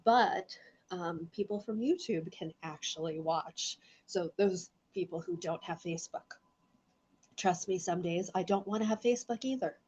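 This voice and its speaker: Congested and coughing from allergies, this middle-aged host rambles through a casual live stream of her online gem show, greeting viewers by name as she chats. Her voice is on the low side and darkish, at a moderate pace, with a little hiss or hum in the background.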